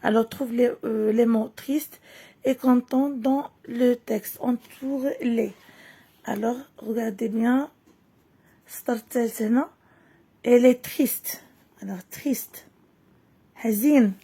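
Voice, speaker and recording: Husky-voiced Moroccan woman teaching reading. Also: fairly high pitch, fairly even intonation, dark tone. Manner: reads French slowly and clearly, then explains quickly in Moroccan Arabic. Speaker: primary school French teacher. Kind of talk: reading lesson, slow read-aloud with explanations.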